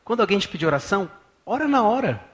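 A pastor in his thirties from Brazil preaching a sermon in a church, swinging from hushed talk to loud bursts. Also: high-pitched, very animated, fast.

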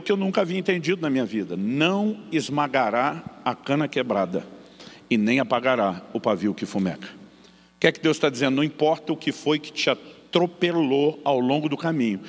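A pastor preaches a story-driven sermon. He talks quickly, with a slightly raised voice, and brings the dialogue in his story to life. A long hall reverb trails behind each phrase. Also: a little high. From São Paulo state, Brazil. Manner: lively storyteller acting out dialogue.

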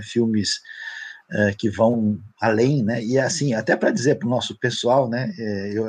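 A man's voice: mid-range voice, a little mellow, breathy edge, no echo. A man with a Brazilian Portuguese accent, a pastor on a discussion panel, explaining ideas in a thoughtful, lecturing way and often tagging phrases with "né".

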